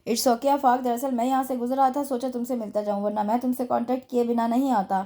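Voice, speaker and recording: A woman's voice: a little high, flat delivery, fast talker, warm tone, lightly acted. A woman voicing an arrogant, sarcastic young male businessman who speaks curtly. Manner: curt, mocking.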